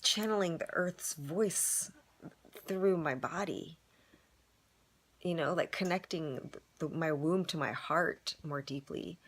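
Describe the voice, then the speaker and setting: A woman's voice: sits low, slow. A woman musing aloud in a casual, rambling monologue, reflecting on a storytelling performance and full of "like" and "you know".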